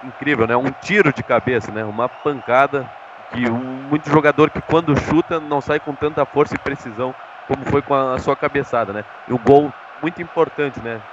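A man's voice: mid-range voice, steady tone, fairly quick. A Brazilian man giving conversational football match analysis, often tagging his phrases with a short question. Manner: frequent tag questions. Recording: dull lo-fi audio, clear background noise.

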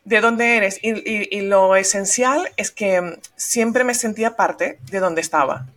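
A woman born in Venezuela hosts a podcast and talks in a chatty, encouraging way. Her voice has a bright, clear edge. Her pitch sits in a middle range. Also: measured pace. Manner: warm, affirming, chatty. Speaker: podcast host. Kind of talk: conversational interviewing.

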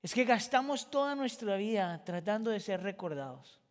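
High-voiced pastor preaching in a hall. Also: male voice, lively intonation, normal speed. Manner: builds from quiet reflection to impassioned shouting. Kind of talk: sermon.

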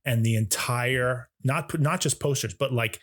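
A man's voice: medium pitch, a little slow, a bit bright. A man co-hosting a podcast, joking and reacting with enthusiasm in casual chat. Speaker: podcast co-host.

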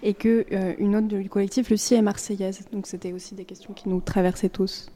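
A woman's voice: mid-range voice, flat delivery, fairly quick, warm tone. A woman guest from a magazine collective, plainly explaining how the group works in a radio interview.

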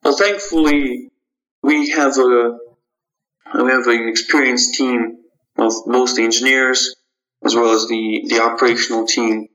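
Guest founder, male, from Kazakhstan; unhurried, halting delivery; muffled lo-fi audio. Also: medium pitch, steady tone, a bit bright. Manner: halting, measured, frequent restarts. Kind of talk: podcast interview answers.

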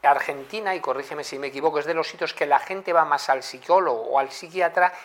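A man's voice: on the high side, a little fast. A man hosting a TV interview, eagerly prompting his guest with questions and remarks. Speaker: TV interview host.

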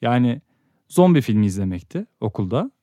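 A young man co-hosting a podcast, telling stories in an animated, teasing way. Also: medium pitch, fairly quick, dry recording, clean studio sound. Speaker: podcast co-host. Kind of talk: casual podcast chat.

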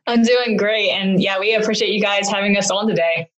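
A woman's voice: medium pitch, a little fast, a bit bright, low-quality recording. Friendly plainspoken woman from Pennsylvania. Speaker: guest, farmer. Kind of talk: casual interview.

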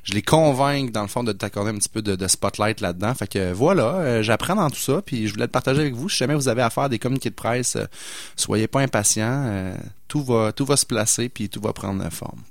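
A man's voice: medium pitch, fast, no echo, studio quality. A man with a Québécois accent hosting a radio interview, joking and playful with his guest. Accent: Québécois French. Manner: jokey, playful, laughs often. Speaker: radio show host. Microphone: studio microphone.

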